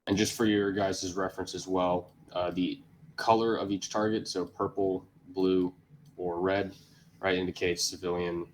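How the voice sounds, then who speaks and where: A man with a very low voice leads a tactical mission briefing like a squad leader. His delivery is flat and even, grave and commanding, setting out each step matter-of-factly. Some faint noise sits behind him. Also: unhurried. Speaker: squad leader giving a mission briefing in a military simulation game. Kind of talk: tactical mission briefing, semi-scripted explanation.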